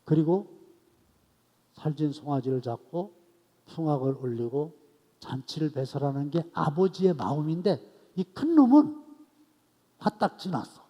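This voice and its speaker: A male pastor preaching an expository sermon at an evening church service, telling the story with animated swings between loud outbursts and soft asides. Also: fairly high pitch, a little slow, long pauses, in a large hall.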